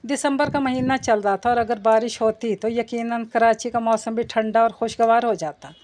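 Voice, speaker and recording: A woman narrating a romance novel aloud in a steady storytelling manner. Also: on the high side, normal speed. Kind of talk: audiobook novel reading.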